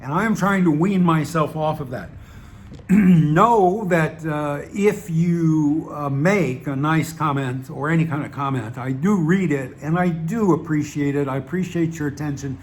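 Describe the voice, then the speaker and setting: Fairly high-pitched and a little slow, a channel host from the Southern United States drifts through a casual, rambling monologue. He speaks with a Southern American accent, wry and digressive, stumbling into fillers and restarts.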